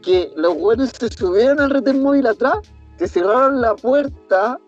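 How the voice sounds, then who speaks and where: A man's voice: extremely high pitch, measured pace, muffled recording, soft background music. A young man with a Chilean accent hosting a podcast, reacting to a guest's story in a slangy, joking way with plenty of swearing. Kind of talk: casual chat.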